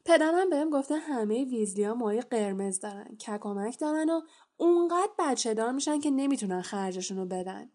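A woman's voice: a little high, expressive, a little mellow. A woman voicing a haughty, sneering pale schoolboy wizard in an audiobook reading, with a taunting manner.

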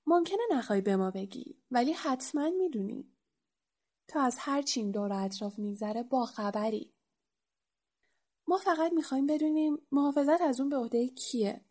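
A woman's voice: fairly high pitch, animated. Hermione, coaxing clever schoolgirl, as a woman voices her. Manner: coaxing, insistent.

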